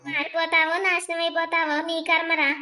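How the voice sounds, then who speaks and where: A woman's voice: very high-pitched, level tone, brisk, pushed and bright, slight background noise. A woman voicing a shamed, angry middle-aged village mother who scolds her son in a cartoon. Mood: scolding. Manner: scolding, reproachful. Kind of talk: cartoon voice acting.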